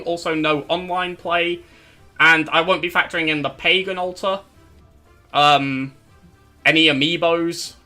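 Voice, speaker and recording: This young man's voice sits a little high and sounds pushed and bright. He hosts a live stream in a loose, chatty, rambling way, correcting himself as he goes, until his voice cracks when he loses it. Faint background music can be heard.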